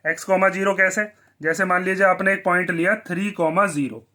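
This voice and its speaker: Male maths teacher, high voice, bright tone, asks and answers his own questions. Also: steady tone, fairly quick. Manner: asks the class questions and answers them himself. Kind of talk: blackboard maths lesson.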